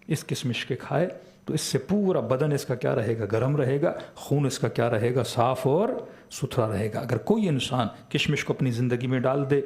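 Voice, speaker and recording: A man's voice: mid-range voice, a little mellow. A man with a Pakistani Urdu accent giving a religious lecture as a cleric, who often asks a question and then answers it himself. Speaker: Shia cleric.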